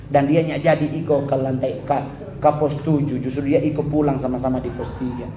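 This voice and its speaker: In a reverberant space, a man with a Manado accent performs stand-up framed as a mock church sermon. He talks fairly quickly and animatedly, breaking into high-pitched impressions of other people.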